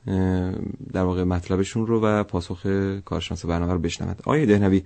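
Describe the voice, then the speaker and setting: A man's voice: low-pitched, steady tone, creaky, warm tone. A man hosting a radio show, formal and polite in his presenting. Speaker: radio host. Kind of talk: broadcast presenting.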